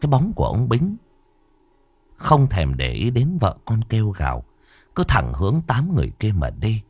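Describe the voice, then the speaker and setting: A man narrating a ghost story in a dramatic way, slowing down for tense moments. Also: fairly low pitch, wildly swooping pitch, darkish tone, husky, no room sound. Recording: dry close voice with faint background music.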